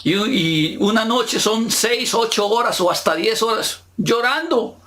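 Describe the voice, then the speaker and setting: A man preaching a sermon as pastor, slow and emphatic, firing rhetorical questions at the congregation. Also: sits high, expressive, sharp tone.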